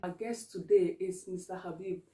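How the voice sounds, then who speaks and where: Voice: medium pitch, fairly even intonation, normal speed, roomy sound, far from the mic, heavy background noise. A talk show host asking short probing questions, often saying okay. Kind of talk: casual interview.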